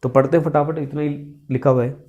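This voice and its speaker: A man lectures on accountancy in classroom fashion, speaking fast in a mid-range, darkish voice with fairly even intonation; the sound is lo-fi. Questions and repeated key points carry his explanations, and his Hindi is mixed with English terms while he calls students "beta."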